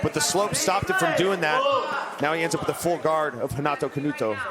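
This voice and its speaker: A man giving technical, excitable blow-by-blow commentary on a live grappling match. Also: a little high, fairly quick. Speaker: fight analyst commentator. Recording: loud crowd noise behind. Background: roaring arena crowd.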